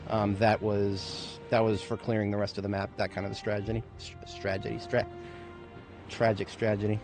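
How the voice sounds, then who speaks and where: A man with a fairly low voice talks through his game in loose, rambling commentary. He is playful and pokes fun at himself. Game music plays clearly behind him. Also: little pitch movement, moderate pace. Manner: rambling, playful, self-mocking. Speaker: game streamer. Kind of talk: casual let's-play commentary.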